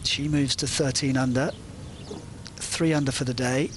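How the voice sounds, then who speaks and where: Male golf commentator over clearly audible noise. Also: mid-range voice, fairly even intonation, normal speed. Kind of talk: live golf commentary with relaxed chat.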